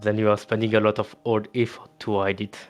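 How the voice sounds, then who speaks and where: A man's voice: lowish voice, level tone, brisk, soft background music, close to an everyday voice. A man voicing an aloof, dismissive male raccoon dog healer in a cold, formal tone.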